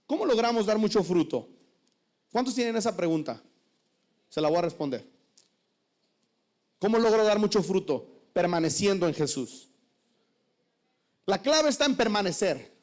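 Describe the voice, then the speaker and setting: A pastor preaches in a strikingly high voice. He keeps the sermon animated and humorous and fires rhetorical questions at the congregation. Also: normal speed, long pauses.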